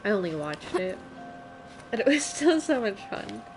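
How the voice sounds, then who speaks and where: A woman game streamer gives casual live commentary, rambling as she thinks aloud and slipping chuckles into her sentences. Her medium-pitched voice is very animated at a normal speed, with loud video game music playing behind her.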